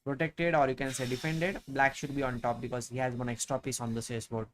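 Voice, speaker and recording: A man's voice: medium pitch, little pitch movement, a little fast. Guy in his 30s talking thru chess moves on a stream, lots of uh and like. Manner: thinks aloud, frequent fillers. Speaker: chess commentator co-host. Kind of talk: casual chess commentary. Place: room at home.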